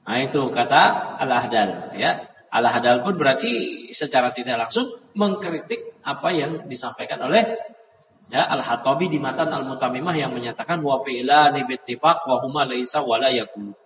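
A man's voice: mid-range voice, moderate pace, a bit bright, distant mic, slight background noise. A man teaching a classroom grammar lesson, translating a text phrase by phrase and correcting his students, with frequent "ya" and "nah" fillers. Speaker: religious teacher. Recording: dull echoey hall recording from afar.

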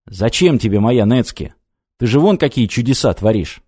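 A man playing a flustered, irritable businessman who snaps and shouts in a dark voice. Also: mid-range voice, lively intonation, normal speed, no echo, clean studio sound. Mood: exasperated. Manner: gruff, shouting outbursts.

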